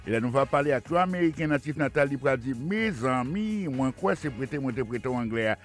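A man hosting a radio English lesson who explains words slowly, repeats them and spells them out letter by letter. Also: medium pitch, animated, soft background music. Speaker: radio English teacher and host.

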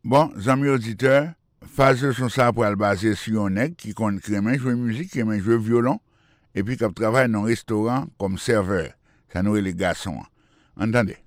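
A man's voice: fairly low pitch, normal speed, dry recording, studio quality. A man teaching English on the radio, patiently repeating phrases and spelling out words. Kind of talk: explanatory radio lesson.

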